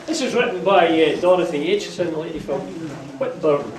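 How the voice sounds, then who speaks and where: A man's voice: a little high, fairly quick. Broad Scottish man reciting, roomy and distant. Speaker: performer reciting a poem. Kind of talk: live recitation of comic Scots dialect verse. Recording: roomy, distant mic with faint noise.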